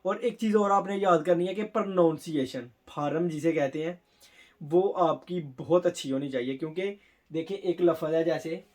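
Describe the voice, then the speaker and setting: A man whose first language is Urdu, teaching a Korean test in a casual way, explaining step by step and sounding out words slowly. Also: a little high, a little mellow. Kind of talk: casual spoken lesson.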